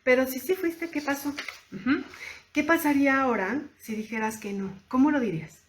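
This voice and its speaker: A woman's voice: high-pitched, normal speed, a little hiss or hum. Woman teaching in a chatty way. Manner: conversational, addresses listeners directly with questions. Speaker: thanatologist and therapist. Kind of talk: informal teaching talk to camera.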